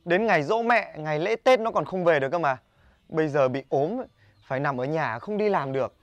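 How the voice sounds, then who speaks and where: An actor playing a gruff, worried father who grumbles in a lively way. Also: on the high side, fairly quick, no echo, dull audio.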